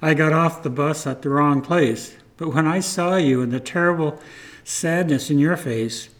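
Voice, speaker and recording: A man voicing a kind, earnest American teenage girl who speaks softly and pleadingly. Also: fairly high pitch, normal speed, natural voice. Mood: gentle. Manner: soft, pleading.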